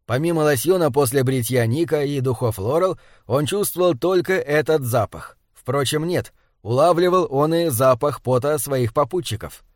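Steady male audiobook narrator. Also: fairly high pitch, normal speed, hardly any pauses, no echo, studio quality. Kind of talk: scripted narration.

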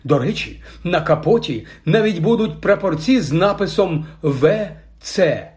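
A man's voice: sits high, animated, measured pace, a little mellow, voice pushed up. A man voicing a wry teenage boy who jokes dryly. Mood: sarcastic. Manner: dry, sarcastic.

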